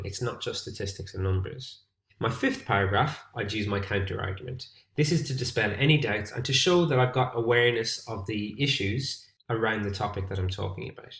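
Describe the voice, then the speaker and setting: Irish male English teacher, scripted lesson to camera, clear and steady, mid pitch, echoey room. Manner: clear, steady explanatory delivery. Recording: roomy echo.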